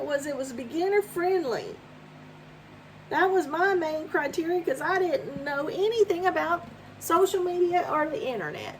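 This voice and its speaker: A woman in her fifties speaks to camera in a home video, casual and encouraging as she promotes something. Her voice is extremely high, with a little hiss or hum, and she's upbeat and repetitive.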